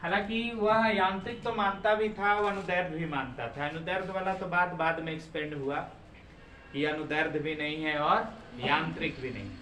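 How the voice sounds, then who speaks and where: A man's voice: a little high, fairly even intonation, normal speed, bright, forceful tone, a little hiss or hum. A man teaching physics in a classroom lecture, often asking the class questions and repeating their answers. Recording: roomy classroom, from far off.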